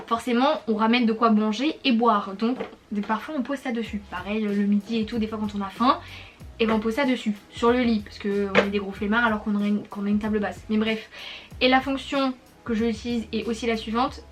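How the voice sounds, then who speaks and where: A young woman, chatting casually in a product review vlog, rambling with lots of fillers and restarts. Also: a little high. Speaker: YouTuber.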